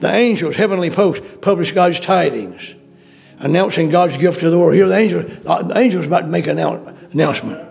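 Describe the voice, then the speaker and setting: A high-pitched man with a gravelly edge preaches a sermon, reading old verses and then commenting in homespun asides. Faint music plays behind him. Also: brisk, a little mellow. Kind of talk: sermon reading and explaining scripture.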